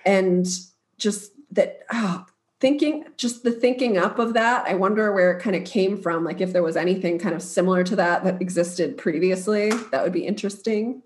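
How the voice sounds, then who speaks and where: A woman's voice: mid-range voice, moderate pace, a little mellow. A young woman co-hosting a podcast, chatting casually in a jokey, self-deprecating way. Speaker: podcast co-host. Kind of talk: casual chat.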